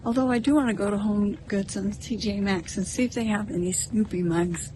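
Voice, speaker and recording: A middle-aged American woman vlogs to camera outdoors in a park, partly in a parking lot, talking casually and reflectively. She muses in a slightly self-conscious, conversational way, her mid-range voice brisk against background noise.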